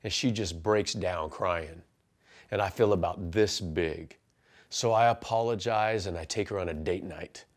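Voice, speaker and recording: Here a deep-voiced man in his forties, working as both pastor and life coach, tells his story earnestly at a measured pace. The talk shifts from personal testimony to punchy motivational advice.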